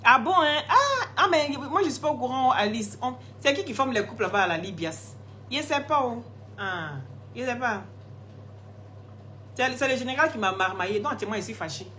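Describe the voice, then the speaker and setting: A woman's voice: a little high, expressive, moderate pace, bright, forceful tone, slight background noise. A woman hosting a casual live stream, answering viewer comments in a chatty, teasing way and laughing often, recorded on a phone. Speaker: live-stream host selling skin products.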